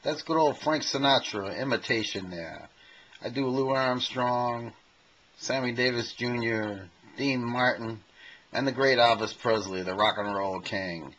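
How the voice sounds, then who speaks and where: In his own room, a fifties-aged amateur comedian and impersonator performs a rambling, self-deprecating stand-up routine into a camcorder. He speaks at a measured pace with a medium-pitched, fairly bright voice. The handheld camcorder mic leaves the recording muffled.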